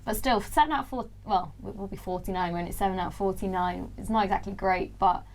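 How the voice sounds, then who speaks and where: A Welsh woman in her early twenties, newly elected student union president, chats in a casual studio interview with a big voice and lots of laughter. She speaks fast at a medium pitch with fairly even intonation.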